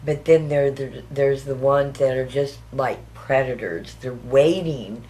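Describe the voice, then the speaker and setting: A woman's voice: very deep voice, unhurried, warm tone, slight background noise. A woman telling her story in a documentary interview, talking in a chatty way and acting out what others said to her.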